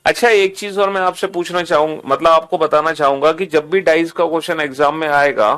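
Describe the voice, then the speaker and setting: A man's voice: on the high side, fairly even intonation, a little fast, a bit bright. Man teaching, quizzing and answering himself. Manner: repetitive, quizzing, answers his own questions. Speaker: reasoning teacher. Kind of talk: video lesson for students.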